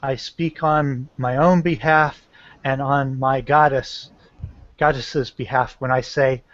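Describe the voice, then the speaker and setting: A man's voice: mid-range voice, steady tone, takes it slowly, fairly bright tone, no echo, lo-fi sound. A man voicing his stern half-orc holy warrior character in a tabletop game. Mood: defiant.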